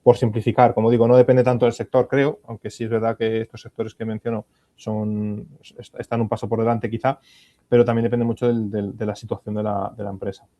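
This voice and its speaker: Spanish man, panel expert, even tone, hesitant and thoughtful, dry muffled recording. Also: fairly low pitch, a little fast, no echo. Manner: thoughtful, many fillers and restarts. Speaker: panel expert on ESG reporting. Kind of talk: conference panel answers.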